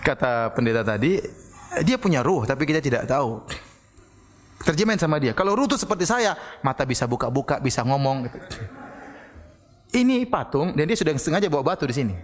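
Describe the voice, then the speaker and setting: A man giving a religious lecture, telling a story in a lively way and acting out the people in it. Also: on the high side, a little fast, big-room sound. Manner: storytelling, animated, acts out quoted voices loudly. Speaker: preacher.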